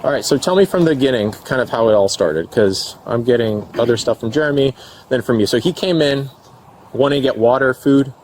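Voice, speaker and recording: A male sheriff's deputy talking through a case and questioning a witness in a calm, procedural way, recorded on his body camera. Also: medium pitch, fairly quick. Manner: calm, procedural, brief prompts. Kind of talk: police interview and case discussion. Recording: noisy bodycam audio.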